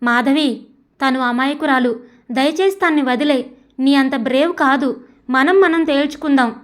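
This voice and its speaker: An angry husband who pleads and then lashes out, as a woman reads him. He comes across high-pitched and heated in an audio story. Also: unhurried. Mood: pleading. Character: angry husband defending his second wife. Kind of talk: audiobook character voice.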